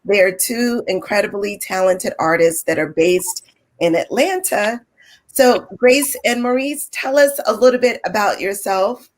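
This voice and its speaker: A woman's voice: mid-range voice, a little slow. A woman hosting an artist conversation over a video call, upbeat and enthusiastic, chatty with frequent fillers. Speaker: gallery host.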